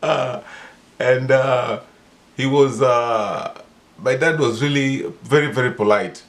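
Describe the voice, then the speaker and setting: A Kenyan man in his sixties, answering his daughter's questions in a casual family interview, pausing often with "uh" between his words. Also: mid-range voice. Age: 60s. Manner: hesitant, many pauses and "uh" fillers. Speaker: interviewee, father.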